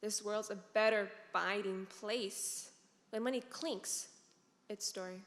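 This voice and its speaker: A young woman in her late teens reciting a poem with measured, deliberate phrasing. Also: medium pitch, fairly even intonation, fairly bright tone. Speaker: student reciter. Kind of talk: formal poetry recitation. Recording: long hall reverb, distant.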